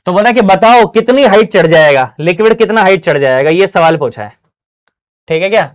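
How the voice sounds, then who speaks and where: A man's voice: sits high, animated, brisk. Chatty male physics teacher. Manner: chatty, slangy, keeps asking "है ना?". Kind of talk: casual online exam-prep lesson. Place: small closed studio.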